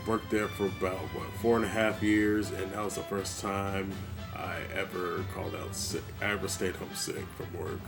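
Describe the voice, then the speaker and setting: Gaming vlogger, male, low gravelly voice, easygoing storyteller. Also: flat delivery, moderate pace, over loud music. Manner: laid-back, conversational storytelling. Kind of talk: storytelling monologue.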